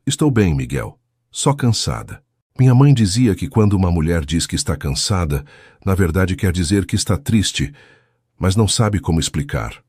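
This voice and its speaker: Man doing a bitter young wife, deep husky tone, accusing. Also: very animated, moderate pace, a little mellow, no room sound, clean studio sound, exaggerated voice. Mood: weary. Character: hurt, guarded young wife confronting her husband.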